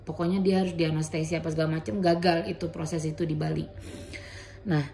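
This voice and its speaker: A woman with a low, gravelly, mellow voice tells her own story in a relaxed vlog. She retells conversations in a chatty way and slips English medical terms into her talk. A faint hiss sits under her voice. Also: a little fast. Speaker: mother sharing her thyroid cancer experience.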